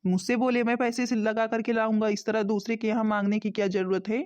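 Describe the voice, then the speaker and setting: A performer voicing a gentle middle-aged father in a cartoon, who talks slowly and soothingly. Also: sits high, flat delivery, smooth, natural voice. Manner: slow, soothing and pleading. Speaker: father character. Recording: dull lo-fi sound.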